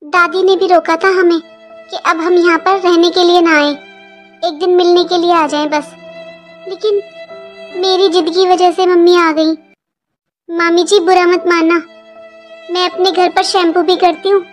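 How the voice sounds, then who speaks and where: Woman as an outspoken little girl, high childlike voice, faint music behind. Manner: pleading, childlike. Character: young girl, outspoken and hurt. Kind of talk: family drama acting.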